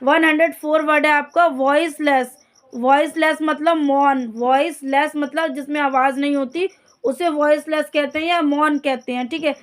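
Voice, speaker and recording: High-voiced woman teaching word lists. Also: fairly even intonation. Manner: repeats each word and its meaning slowly, addresses students directly. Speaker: English teacher. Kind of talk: vocabulary lesson, reading word lists.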